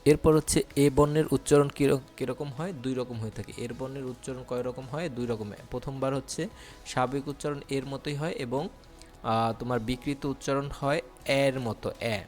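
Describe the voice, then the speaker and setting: A man's voice: medium pitch, fairly even intonation, a little fast, a little mellow. A man leads an exam-prep grammar lesson in a mid-range voice. He walks through each point step by step, asking questions and answering them himself. Faint music plays underneath. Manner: explains step by step, asks and answers his own questions. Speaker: teacher.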